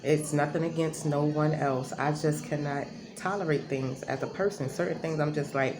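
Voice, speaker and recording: A woman's voice: low-pitched, steady tone, normal speed. A woman vlogging from her home, talking in a casual, rambling way and correcting herself as she goes. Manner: rambling, self-correcting, conversational. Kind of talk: casual talking-to-camera monologue. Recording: noisy home recording.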